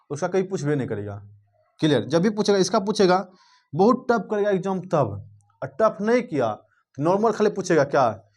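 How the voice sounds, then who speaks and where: A male teacher with a fairly high voice runs a grammar lesson. He keeps quizzing his students and asking whether they follow, and now and then stretches vowels out slowly to demonstrate length. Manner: drills students with repeated questions and "clear?" checks; drawls words out slowly to show vowel length.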